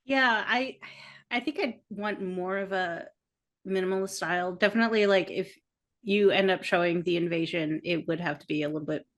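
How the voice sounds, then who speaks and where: A woman with a lowish voice talks at a moderate pace as a guest on a podcast. She is a freelance artist in a casual conversational interview, hesitating often and laughing easily.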